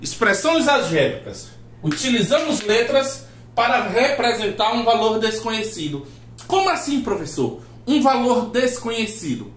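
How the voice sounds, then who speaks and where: Lively math teacher in an echoey room. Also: male voice, very high voice, measured pace. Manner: lively, asks rhetorical questions, acts out student replies. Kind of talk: video math lesson. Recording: roomy echo.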